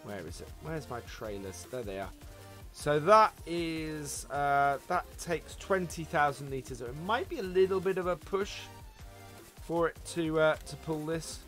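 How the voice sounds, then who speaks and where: Chatty male stream host, fairly high and bright voice, soft music underneath. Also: measured pace. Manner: chatty, greets viewers by name between game remarks. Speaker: livestream host. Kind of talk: casual gameplay live commentary.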